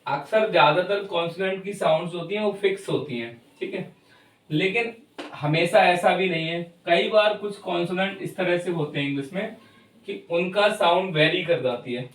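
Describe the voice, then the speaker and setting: Man, English teacher, pronunciation lesson, slightly high voice, roomy echo. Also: fairly bright tone. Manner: explains slowly and checks in with "thik hai". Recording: echoey room, far from mic.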